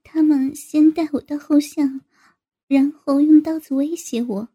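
Woman voicing a shy, halting young woman. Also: sits high, steady tone. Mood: reluctant. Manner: hesitant, halting, soft-spoken. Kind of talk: adult audio story reading.

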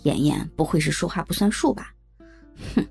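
A woman's voice: deep voice, animated, moderate pace, gravelly, darkish tone, soft background music, voice pushed down. A woman voicing a sly, lecherous old man with a leering, teasing drawl. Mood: sulky.

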